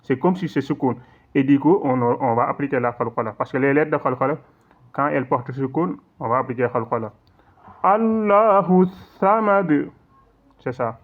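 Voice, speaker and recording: A man teaching recitation rules in an online lesson, explaining patiently, checking in often, and reciting examples slowly. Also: medium pitch. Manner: patient, repetitive explaining with frequent check-ins; slow drawn-out recitation in demonstrations. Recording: tinny phone-like audio.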